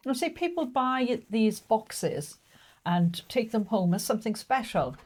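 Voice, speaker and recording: A woman's voice: a little high, sing-song, unhurried, darkish tone. A middle-aged woman co-hosting a travel vlog, chatting lightly and jokingly while tasting pastries. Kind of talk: casual food tasting chat.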